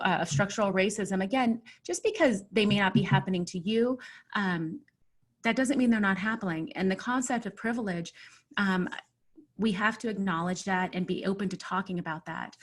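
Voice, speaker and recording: Earnest woman on a video call. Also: medium pitch. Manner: thoughtful, measured, frequent ums. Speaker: webinar panelist. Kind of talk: earnest discussion.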